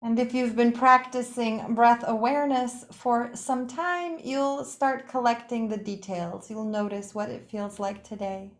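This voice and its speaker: In this clip a yoga nidra teacher guides a meditation slowly and invitingly, leaving gaps between brief phrases. Her voice is fairly high with intonation that stays fairly even, and the room gives it an echoey quality.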